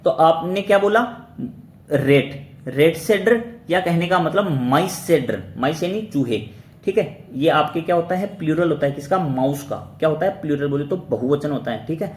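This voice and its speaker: A man runs an exam-prep vocabulary lesson, firing a question and answering it himself, then repeating the word and spelling it out. His voice sits somewhat high. The recording is roomy, with a faint hiss behind. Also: lively intonation, normal speed. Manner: spells words letter by letter. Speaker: vocabulary teacher. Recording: roomy echo with faint background noise.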